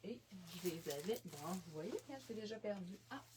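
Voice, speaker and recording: A woman with a Quebec French accent and a mid-range, expressive voice does a casual live craft demo at her home desk, speaking at a normal pace. She chats and thinks aloud as she works, using lots of fillers. The camera sits on the desk, and the background is noisy.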